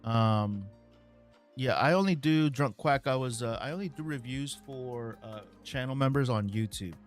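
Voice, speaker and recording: A man hosting a casual live stream, answering viewer questions in a relaxed way with many ums and uhs. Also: mid-range voice, normal speed, faint music behind.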